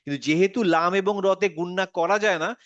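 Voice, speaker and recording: A man's voice: high voice, brisk, no echo, muffled recording. A man teaching a Quran recitation lesson, patiently repeating words and checking that his student follows. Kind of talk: online tajweed lesson.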